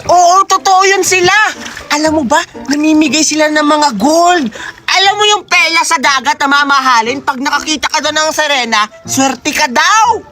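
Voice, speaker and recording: A woman voicing Tope, a mischievous, boastful young boy in a cartoon, with a high, bouncy voice over loud music. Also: moderate pace, natural voice. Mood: eager. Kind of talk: animated cartoon dialogue.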